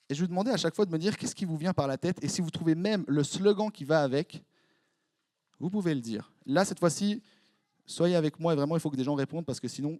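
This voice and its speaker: A young man with a Swiss French accent, preaching as a youth pastor in a lively, joking way, quizzing his congregation. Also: on the high side, no echo, studio quality. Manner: playful, jokey, quick asides to the crowd. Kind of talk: lively sermon with audience interaction. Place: church hall before a congregation.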